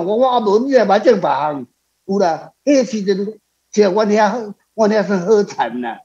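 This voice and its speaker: A Taiwanese-accented man, a guest author answering questions, chats off the cuff in unscripted conversation, rambling through anecdotes and repeating phrases. His voice is high, husky, and dark in tone, and the audio sounds dull.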